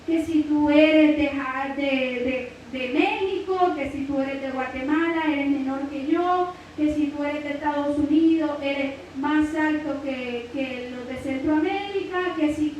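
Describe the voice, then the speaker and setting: A high-pitched woman from Mexico with a Guerrero accent teaches a Bible lesson in preaching style. She fills it with "amen," praise phrases and calls of "brother." The voice comes from a distance in a heavily reverberant church hall with a faint hiss underneath. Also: a little slow, few pauses, a little mellow, highs cut off. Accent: Mexican Spanish, Guerrero.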